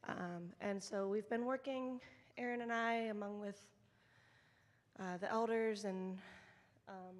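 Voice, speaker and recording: Woman running a volunteer training at church, casual group talk, voice of medium pitch, echoey hall sound. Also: fairly even intonation, measured pace. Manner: informal and conversational, addressing a group. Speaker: children's ministry leader. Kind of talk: leading a volunteer training session. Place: church meeting room.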